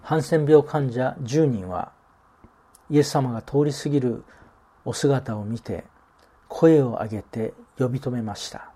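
A man gives a sermon in a mellow, warm voice. His preaching is earnest and measured, and he leans on important phrases by slowing down. His pitch sits in an ordinary middle range for a man. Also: breathy edge. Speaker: pastor.

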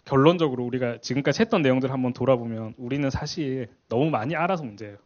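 Middle-aged male speaker for a parenting class: quick, chatty, acts out quotes, muffled recording. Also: medium pitch. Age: 40s. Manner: chatty, laughs often, acts out quoted lines. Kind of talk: casual church talk.

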